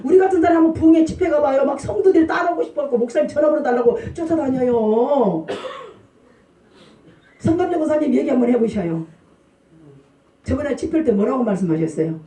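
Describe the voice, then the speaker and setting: Woman pastor, high mellow voice, echoey distant church sound, call-and-response sermon. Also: a little fast, pauses often. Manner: lively call-and-response preaching, asks congregation. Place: church sanctuary. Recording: roomy church hall, distant mic.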